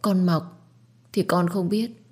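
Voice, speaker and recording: A woman's voice: on the low side, steady tone, slow, a little mellow, breathy edge. Woman voicing a scheming girl: sweet-talking, wheedling. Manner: sugary, wheedling.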